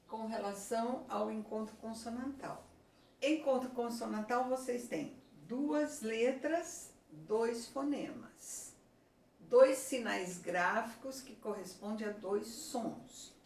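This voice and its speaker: A woman teacher with a Brazilian Portuguese accent, giving a slow, deliberate lesson at a board and often checking in with her class. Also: on the high side, darkish tone, a little hiss or hum. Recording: echoey room from far off.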